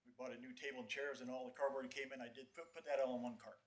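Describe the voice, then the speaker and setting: A man's voice: mid-range voice, little pitch movement, racing. A man on town staff explains matters to council in a casual way, often repeating himself. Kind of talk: council meeting discussion. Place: council chamber.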